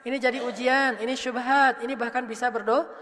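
A woman's voice: on the high side, steady tone, a little fast, fairly bright tone. A woman religious teacher giving a casual, humorous sermon, chatting with and questioning her audience. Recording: echoey hall reverb.

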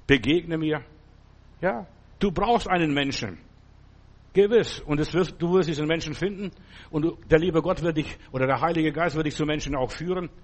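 Male pastor, fairly high-pitched, fervent, direct sermon delivery with loose storytelling. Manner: fervent, direct preaching to a single listener.

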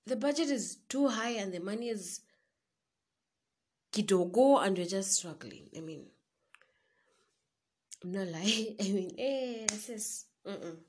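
Husky young Kenyan woman chatting casually. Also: fairly low pitch, darkish tone. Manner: chatty, informal, mixing English with Swahili slang. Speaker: podcast host. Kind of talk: casual solo chat to listeners.

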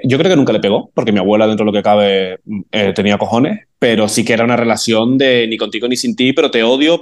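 Man, podcast co-host, blunt casual storytelling, mid pitch.

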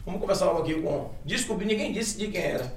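A man's voice: high voice, animated, fast. A man with a Bahian Brazilian accent hosting a casual live interview chat in informal, slangy speech. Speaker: show host. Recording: roomy echo, faint background noise.

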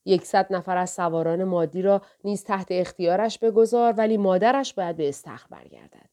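A woman's voice: medium pitch, mellow, natural voice. A woman voicing a stern old king giving firm orders in an audiobook. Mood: commanding. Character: commanding old Persian king, stern ruler.

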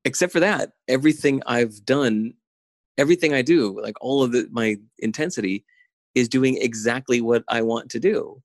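A man's voice: mid-range voice, moderate pace, no room sound. A man talking as a podcast guest in casual conversation, intense and enthusiastic, laughing often, over a remote call.

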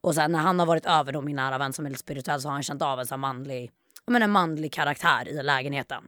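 A woman's voice: low voice, dry recording. A woman in her twenties, a podcast guest, telling stories in casual chat and acting out what people said with her voice raised. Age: 20s. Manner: animated storytelling, acts out quotes with a raised voice. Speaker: guest, YouTuber.

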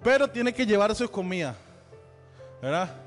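Male pastor, Central American Spanish accent, high voice, chatty announcements, church reverb with soft music behind. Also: expressive, moderate pace. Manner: chatty, joking with the congregation. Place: church sanctuary. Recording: long hall reverb with faint music.

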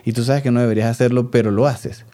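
A man in his thirties with a Venezuelan accent, co-hosting a casual chat and telling stories with lively acted-out quotes. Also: medium pitch, quick pace. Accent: Venezuelan Spanish. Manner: animated storytelling, acts out quoted voices. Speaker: podcast co-host.

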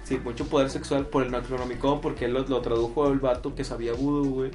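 A man's voice: mid-range voice, little pitch movement, over music. A young man with a Mexican accent in casual chat, rambling and slangy as he tells stories. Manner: rapid, slangy, rambling storyteller.

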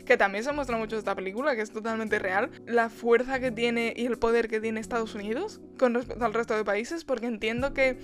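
A woman's voice: on the high side, fairly quick, few pauses, faint music behind. A young woman hosting a podcast, chatting casually about a film with frequent laughs and restarts. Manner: chatty, laughs often, many restarts and quoted asides. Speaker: podcast host. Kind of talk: casual film review monologue.

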